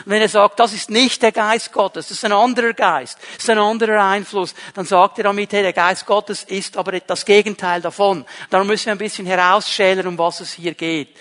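High-voiced Swiss man preaching. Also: fairly even intonation, fairly quick, few pauses, a bit bright, long reverb tail. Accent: Swiss German. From Switzerland. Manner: emphatic, repeats key phrases. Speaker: pastor. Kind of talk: sermon.

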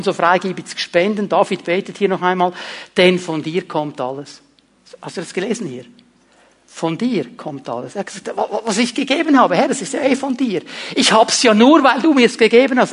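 A man preaching a sermon as a pastor. He talks emphatically, repeats key phrases, and swings between loud, lively passages and hushed, earnest ones. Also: sits high.

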